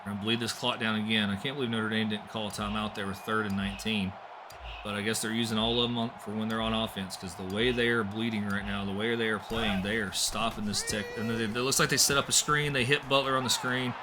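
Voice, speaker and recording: A young man doing live play-by-play commentary on a simulated football game, getting excitable on big plays. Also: fast talker, background noise. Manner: excitable, voice jumps high and loud on big plays. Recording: music playing behind the voice.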